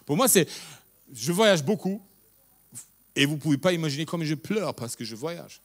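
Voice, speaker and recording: Man, German accent, pastor, sermon, high voice, earnest, halting restarts, English phrases mixed in. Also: lively intonation.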